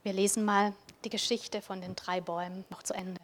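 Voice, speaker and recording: A woman giving a reflective Christmas devotional, speaking directly to the listener and at times dropping to a soft near-whisper. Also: medium pitch, fairly even intonation, brisk, slight background noise. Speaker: preacher.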